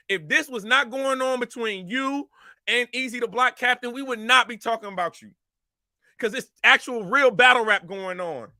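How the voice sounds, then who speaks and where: Fired-up man ranting, high bright voice. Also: no echo, studio quality. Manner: angry, repetitive, confrontational. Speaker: commentary show host. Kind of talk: heated rant to camera.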